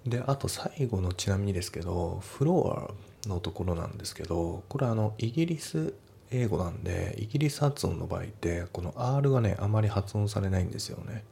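Man, very low gravelly voice, mellow tone, relaxed explanatory teaching, faint hiss behind. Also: a little fast. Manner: relaxed, explanatory, many fillers. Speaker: English teacher. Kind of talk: casual lesson walkthrough.

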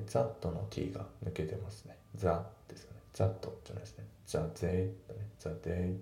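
A man teaching English grammar and pronunciation in a calm, methodical way, reading example sentences slowly. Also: lowish voice, creaky. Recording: echoey room with faint background noise.

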